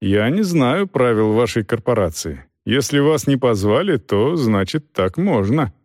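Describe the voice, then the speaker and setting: A man's voice: medium pitch, a little slow, no echo. A man playing a cool, stern knight. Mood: calm stern. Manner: calm, dry, stern. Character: calm, cool-headed knight commander. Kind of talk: audiobook character voice.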